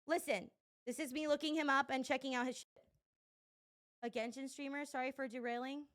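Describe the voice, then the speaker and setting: Exasperated young woman streamer, high voice. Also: fairly even intonation, fairly quick, fairly bright tone. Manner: rambling, exasperated, swears a lot. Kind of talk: casual commentary reacting to clips.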